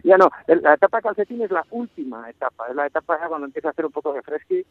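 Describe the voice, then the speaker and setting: A male correspondent calling in on a thin phone line with no bass, his voice muffled by a face mask, talking casually with many restarts. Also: big pitch swings, very fast, no echo. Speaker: foreign correspondent. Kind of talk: casual live call-in chat. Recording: dry, tinny phone line.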